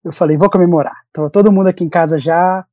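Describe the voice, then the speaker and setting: A man's voice: sits high, steady tone, very fast, dark tone, highs cut off. A young man with a Brazilian accent, telling a story animatedly in a casual chat with lots of restarts, from home over a video call. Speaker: recent graduate guest. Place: at home at his desk.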